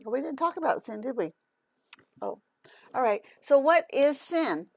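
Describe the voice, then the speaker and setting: Lady puppeteer teaching a bible lesson, patient and gentle, kinda high voice, dry close sound. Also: sing-song, unhurried, no echo.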